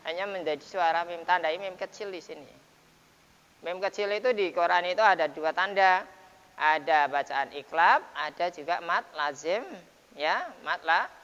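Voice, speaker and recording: Teacher explaining Quran reading rules. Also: male voice, on the high side, fairly bright tone, clear, resonant tone. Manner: explains patiently with many repeated checks and fillers. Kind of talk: informal tajwid lesson. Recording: dull lo-fi sound, long reverb.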